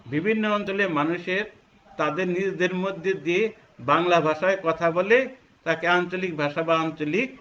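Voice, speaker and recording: Bright high-voiced man teaching a class. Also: muffled recording, a little hiss or hum. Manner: explains slowly, repeats key points. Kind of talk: online class lecture.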